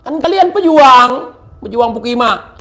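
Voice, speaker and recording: Guy with a high voice mocking his opponents, sarcastic rant, gets shouty. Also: expressive, measured pace. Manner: taunting, sarcastic, repetitive, rising to shouts. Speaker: political commentator.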